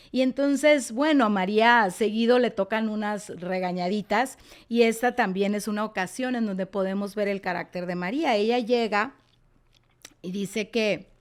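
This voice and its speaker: A woman's voice: mid-range voice, clean tone. A woman teaching a Bible lesson, telling the story earnestly and expressively and reading scripture aloud.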